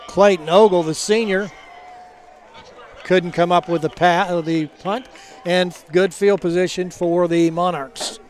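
A man doing live football play-by-play commentary in a halting, conversational way. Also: high-pitched, steady tone. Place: outdoor college football game. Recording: crowd noise behind, outdoor stadium. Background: game crowd.

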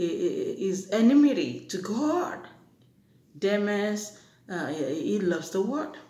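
A preacher giving an earnest, exhorting Bible teaching, with many pauses and fillers. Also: medium pitch. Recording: echoey room.

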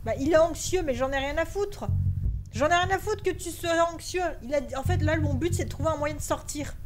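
A woman's voice: high voice, a little fast, music in the background. A woman streaming a horror game in live commentary, jumpy and easily irritated, swearing and talking to herself with English words mixed in.

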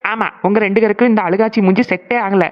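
A woman's voice: medium pitch, quick pace, lightly acted. A woman voicing a cheerful, teasing young female relative in a cartoon. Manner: teasing, lively. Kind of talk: cartoon voice acting. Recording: slightly dull sound.

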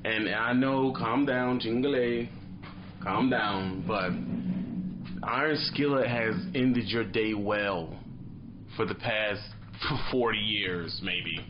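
Slow and lowish, a man in his thirties who drives trucks tells slangy stories to camera in a small dim room, animatedly acting out little scenes. The recording has its highs cut off, over a noisy background.

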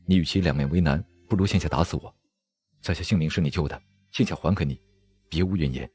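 A man reading a storybook aloud, voicing a lonely, sorrowful young male scholar who speaks quietly and gently. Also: low-pitched, sing-song, a little fast. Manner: quiet, subdued and sad.

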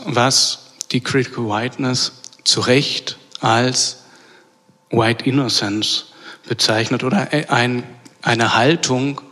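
A man giving an academic lecture in a measured way, often hesitating with fillers and correcting himself. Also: medium pitch, sharp tone. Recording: long reverb of a lecture hall.

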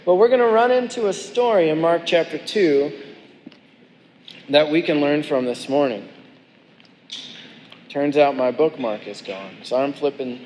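A male lead pastor gives a relaxed, conversational sermon, reading scripture aloud and often restarting and repeating words. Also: fairly high pitch, a little slow, long pauses. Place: church sanctuary. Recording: reverberant church hall, faint background noise.

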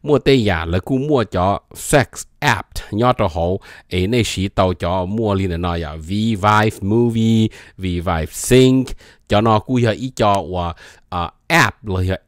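A man presenting an informal educational talk, reading short phrases aloud and then explaining each one in a relaxed, chatty way. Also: mid-range voice, no echo, clean studio sound.

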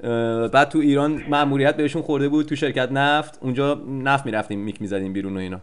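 A man's voice: mid-range voice, clear, resonant tone. A man improvising a comic phone prank, rambling and stammering in a mock-polite way. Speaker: prank caller.

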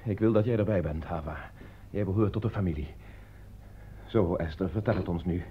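An actor playing a worried middle-aged doctor and father in an old radio play, speaking in a grave, measured way. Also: sits low, a little hiss or hum, natural voice. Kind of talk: 1950s-style radio drama acting. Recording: dull old radio recording.

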